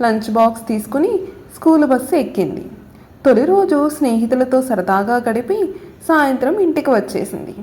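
A woman storyteller reading a moral story for children, calm and even. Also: sits high.

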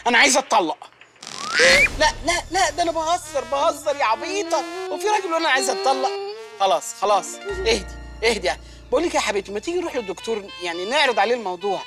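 A man's voice: high-pitched, big pitch swings, racing, music in the background. A man with an Egyptian accent playing a jobless, teasing, henpecked young husband in a comic film scene, by turns meek and mocking. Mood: pleading. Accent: Egyptian Arabic. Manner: meek, then mocking and exaggerated. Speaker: film comedian.

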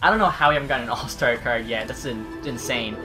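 A man's voice: medium pitch, fast, over music. A young man giving casual, chatty video game commentary, reacting informally as he goes. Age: young adult. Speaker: video game streamer opening card packs. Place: indoor room at home, webcam.

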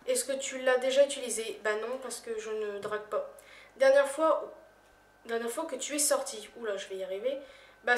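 A young woman answering questions in a casual vlog, hesitant, with many fillers and phrases that trail off softly. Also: a little high. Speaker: YouTuber. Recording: echoey room, voice a little far from the mic.

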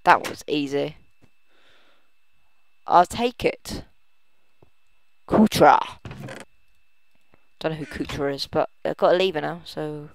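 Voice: medium pitch, slow pace, pauses often, no room sound. A gamer giving casual commentary while playing, rambling and thinking aloud, often trailing off mid-sentence. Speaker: let's play gamer.

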